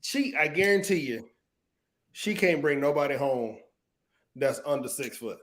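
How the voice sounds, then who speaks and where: High-voiced man, emphatic casual chat. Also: animated, a little slow, fairly bright tone. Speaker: podcast co-host.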